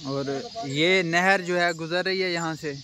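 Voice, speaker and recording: Outdoors on a rural cattle farm, a young Pakistani vlogger gives a casual walking tour, guiding his audience and quizzing the workers. His high voice is pushed and bright with fairly even intonation and a measured pace, and the audio carries a faint hiss or hum.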